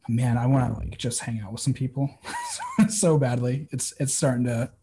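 A man's voice: mid-range voice, sing-song, moderate pace, noisy background. A man chatting on a video call in a laid-back, thoughtful way, with lots of filler words. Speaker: freelance call participant. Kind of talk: casual chat.

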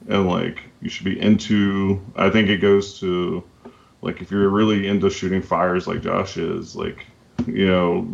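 Low gravelly guy on a podcast, lots of ums, kinda dull audio. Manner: rambling, many fillers and restarts. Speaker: guest photographer. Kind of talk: casual podcast talk.

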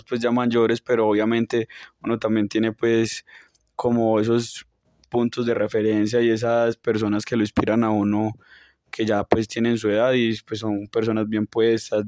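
A man's voice: on the low side, no echo, studio quality. Laid-back young man, lots of "pues". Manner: relaxed, hedging with frequent "pues". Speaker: podcast co-host. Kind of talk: casual podcast chat.

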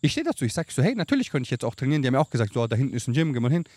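A man's voice: mid-range voice, very animated, rapid-fire, darkish tone, no room sound. A young man talking as a podcast guest in a casual, emphatic chat full of street slang, recorded outdoors at dusk. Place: outdoors on a tropical island at dusk.

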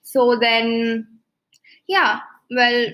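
A woman, chatting on a home podcast with a bright, forceful voice that sits a little high. She rambles through stories and giggles often. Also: flat delivery, drawn-out words. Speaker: podcast co-host. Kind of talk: casual chat.

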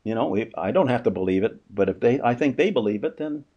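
A man's voice: mid-range voice, expressive, fast, muffled recording. A man giving a casual, unscripted economic commentary, asking rhetorical questions and often restarting his sentences. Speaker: finance commentator.

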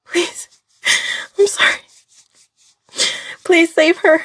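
Lady doing a scared pregnant girl in an audio story, high crying voice, begging desperately. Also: fairly even intonation, very slow, a bit bright, full character voice. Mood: desperate pleading. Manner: pleading, breathless and desperate. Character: terrified pregnant young woman begging for mercy.

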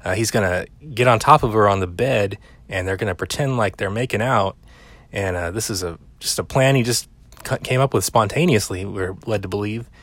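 A man talks through a movie scene by scene in a loose, rambling way, dropping fillers and the occasional swear word. His voice sits a little low, and the sound is dry and close, with no room around it. It comes across as an easygoing film recap. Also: a little fast, a bit bright, no echo. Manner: rambling, chatty, with frequent "uh" fillers and casual swearing. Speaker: film commentator. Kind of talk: casual film recap commentary.

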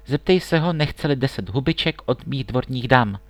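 A man's voice: mid-range voice, animated, no room sound, natural voice. A man voicing a haughty, spoiled young princess in a storybook reading, imperious and raising his voice. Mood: indignant.

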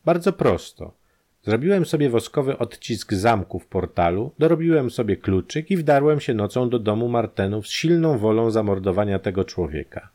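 A man voicing a secretive, resigned prisoner who answers tersely and calmly in an audiobook. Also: mid-range voice, normal speed, voice pushed up, lightly acted. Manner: terse and calm.

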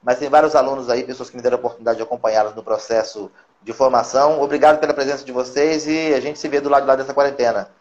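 A Brazilian man speaking as a psychoanalyst guest on a live-stream interview, talking in an animated, coaching way. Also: mid-range voice, rapid-fire, lo-fi sound. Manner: animated, coaching, acts out quotes.

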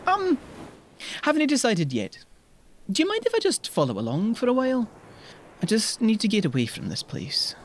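A woman's voice: fairly high pitch, huge pitch swings, normal speed, pauses often, a little hiss or hum. A woman voicing a stubborn, grumbling young shepherd prophet with a Scottish accent in an audio drama. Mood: anxious, stubborn. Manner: grumbling, defiant, plain-spoken.

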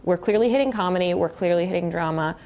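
A woman's voice: on the low side, fast talker, darkish tone. A young woman hosting a casual podcast interview, chatty and full of "like" fillers. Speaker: podcast host.

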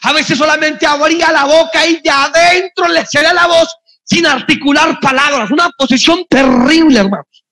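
Male preacher, very high and sharp voice, passionate shouting delivery. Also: normal speed. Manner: impassioned, often shouting, storytelling. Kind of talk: sermon.

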